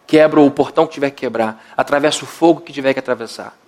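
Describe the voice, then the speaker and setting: A man's voice: medium pitch, fast, a little mellow. A middle-aged Brazilian man preaching a sermon as pastor, telling the story dramatically and acting out the voices in it. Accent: Brazilian Portuguese. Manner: dramatic storytelling, acts out quotes.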